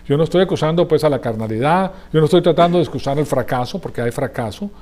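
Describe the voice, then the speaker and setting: A man's voice: on the high side, expressive, fast, darkish tone. A man giving a sermon to a congregation in a conversational way, often checking that his listeners follow him. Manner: conversational, asks the audience for agreement. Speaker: preacher.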